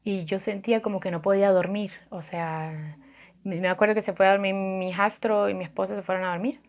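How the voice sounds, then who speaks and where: A woman's voice: medium pitch, brisk, dull audio. Colombian woman telling a story. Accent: Colombian Spanish. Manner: chatty, animated retelling with voiced quotes and soft asides. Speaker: vlogger. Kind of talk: casual storytelling.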